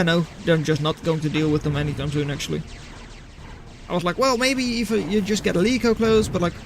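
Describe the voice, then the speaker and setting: A high-pitched man casts a strategy game replay live, chatting with viewers in a dry, matter-of-fact way. There's slight background noise.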